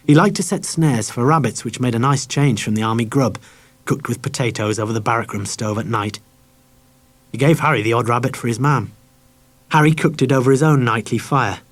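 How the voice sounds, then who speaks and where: A man narrating a children's novel as an audiobook reader, measured and quietly dramatic. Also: medium pitch.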